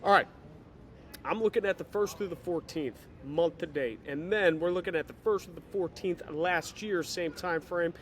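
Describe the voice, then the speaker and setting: A man's voice: a little high, normal speed, a little hiss or hum. Upbeat Chicago man, caffeinated chatter. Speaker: digital marketing consultant for auto dealers. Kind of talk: casual video update. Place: airport terminal.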